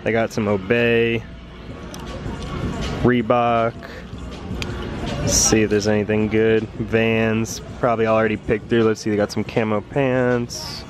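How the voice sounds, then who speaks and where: A man's voice: fairly low pitch, measured pace, pauses often, over music. Hyped young man vlogging through mall stores. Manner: excited, hyped sneakerhead talk. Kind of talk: casual shopping vlog. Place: large indoor retail stores at a mall. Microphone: handheld camera.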